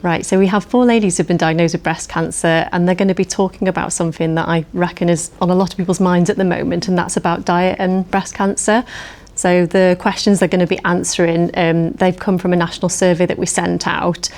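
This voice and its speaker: Woman dietitian presenting a panel, slightly low pitch, measured and friendly. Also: little pitch movement, darkish tone. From United Kingdom. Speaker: cancer dietitian. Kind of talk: presenting and introducing a discussion.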